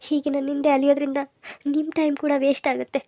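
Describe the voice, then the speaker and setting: A woman's voice: high voice, level tone, fast talker, dark tone, no room sound. A woman voicing a sorrowful young orphaned woman who pleads earnestly, with a North Karnataka accent. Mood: pleading. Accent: North Karnataka Kannada. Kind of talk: cartoon voice acting.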